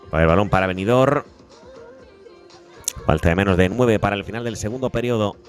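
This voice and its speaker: A man giving live beach soccer play-by-play as a commentator, with breakneck goal commentary and drawn-out, repeated goal calls. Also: fairly low pitch, faint music behind. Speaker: sports commentator.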